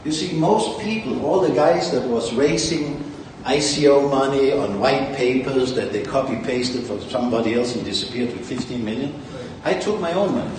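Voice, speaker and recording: A Danish-accented man, mid-range and darkish in tone, talks animatedly at normal speed while boasting about his company to a conference crowd. His rambling speech reaches a distant mic in the echoey hall, along with faint ambience and a little hiss or hum.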